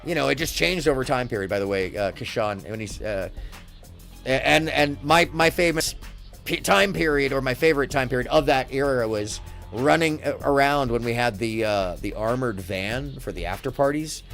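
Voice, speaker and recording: A middle-aged American man hosting a casual live stream, chatting in a halting, rambling way that often circles back. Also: medium pitch, vocal fry, a bit bright. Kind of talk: casual chat. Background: faint music.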